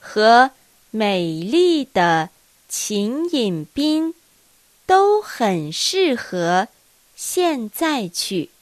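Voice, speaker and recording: Woman, language teacher, lesson dialogue, fairly high voice, dry close recording. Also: very animated, drawn-out words, no room sound.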